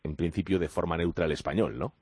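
A man with a Basque Spanish accent hosting a radio interview, posing measured questions. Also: deep voice, fairly even intonation, darkish tone, breathy edge, dry recording, clean studio sound. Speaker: radio host.

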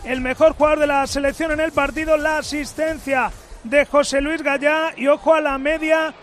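A man's voice: very high voice, flat delivery, moderate pace, slight background noise. A man giving live football commentary on a broadcast.

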